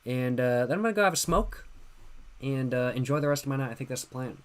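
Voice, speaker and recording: A man in his twenties hosts a livestream, tipsy and laid-back, reading and answering viewer questions from chat in a slangy way and repeating his phrases. His mid-range voice is expressive, and he talks fast.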